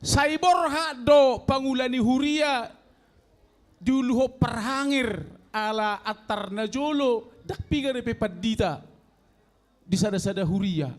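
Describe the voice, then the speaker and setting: High-voiced older Toba Batak man, slow. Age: 60s. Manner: slow, drawn-out storytelling addressed to elders. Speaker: elderly stand-up contestant. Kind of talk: stand-up comedy storytelling.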